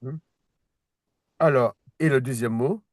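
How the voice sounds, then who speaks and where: A man's voice: mid-range voice, takes it slowly, a little mellow. A man teaching a one-on-one reading lesson, patient, repeating words and restarting his sentences as he explains. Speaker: Hebrew teacher.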